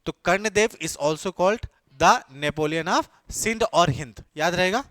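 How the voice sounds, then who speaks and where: A man's voice: high-pitched, slow pace, fairly bright tone, dry recording, studio quality. A male teacher giving an exam-coaching lecture. He keeps asking his class questions and answering them himself, mixing English terms into his talk. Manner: mixes English terms into Hindi.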